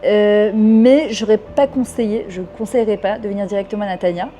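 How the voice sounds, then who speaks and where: A woman's voice: mid-range voice, fairly even intonation, a little fast, warm tone, a little hiss or hum. A woman of about fifty from France, talking fervently and at length in an interview, dropping in Hebrew words. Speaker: interviewee, French immigrant. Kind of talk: casual interview talk.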